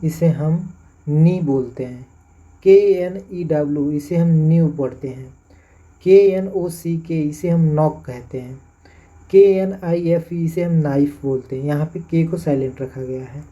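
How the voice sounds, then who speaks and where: Slow, dark-voiced man teaching English sounds. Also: a little high. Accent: Hindi. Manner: spells words letter by letter, then repeats them slowly. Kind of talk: pronunciation lesson. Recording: dull lo-fi sound.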